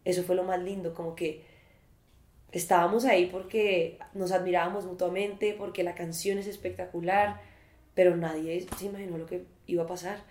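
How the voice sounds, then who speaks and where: A woman's voice: on the low side, fairly even intonation, moderate pace, darkish tone. A young Colombian woman telling stories casually in an interview, with gushing, slangy valley-girl chatter. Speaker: musician in a women's collective. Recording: echoey, reverberant room.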